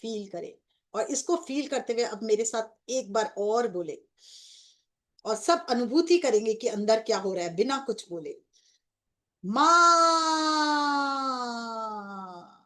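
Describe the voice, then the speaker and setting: A woman's voice: on the high side, lively intonation, moderate pace, darkish tone. A woman guiding a group meditation in a devotional tone, with English words mixed into her speech. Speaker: meditation guide. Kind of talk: guided meditation.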